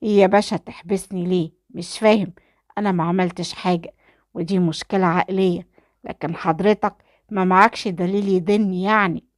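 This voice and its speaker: A woman's voice: fairly low pitch, brisk, darkish tone, dry recording, studio quality, close to an everyday voice. A woman reading the lines of a frightened young man pleading excuses to an officer, with an Egyptian accent. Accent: Egyptian Arabic. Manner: fearful, whining excuses. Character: bullying young male brother, scared and pleading.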